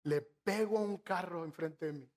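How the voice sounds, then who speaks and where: This high-voiced, middle-aged pastor has a northern Mexican accent and a darkish tone. In his sermon he tells stories, turns to the congregation with asides, and slows to emphasize key phrases.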